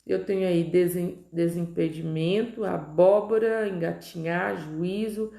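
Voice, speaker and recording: A woman teacher with a Brazilian Portuguese accent gives a recorded lesson, her voice low and gravelly. She stretches each example word out slowly and keeps asking her students whether they follow. The room adds a noticeable echo. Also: darkish tone. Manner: slow, stretched-out pronunciation of example words, frequent "tá?" checks. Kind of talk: recorded online grammar lesson. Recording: echoey room.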